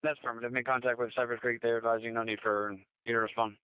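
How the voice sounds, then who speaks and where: A man's voice: mid-range voice, level tone, fast, smooth, dry recording. A man speaking in clipped procedural phrases over emergency radio, in the manner of police radio. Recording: thin phone-like radio channel.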